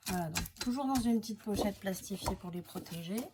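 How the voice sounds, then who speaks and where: Woman, casual unboxing chat, hesitant with fillers, medium pitch, faint background noise. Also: brisk. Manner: chatty and hesitant, many fillers and self-corrections. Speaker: scrapbooking crafter presenting her channel.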